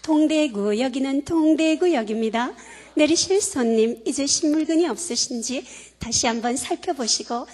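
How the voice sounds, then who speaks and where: A woman imitating a formal train station announcer, speaking slowly and evenly. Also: high-pitched, darkish tone, natural voice. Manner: slow, measured announcing. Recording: long church-hall reverb.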